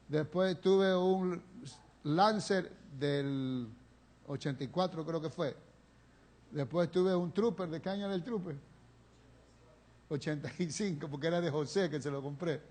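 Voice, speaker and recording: A male pastor preaching a sermon, telling a personal story with feeling and swinging between loud pleading and hushed confession. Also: on the high side, unhurried, long pauses. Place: church sanctuary, live stream.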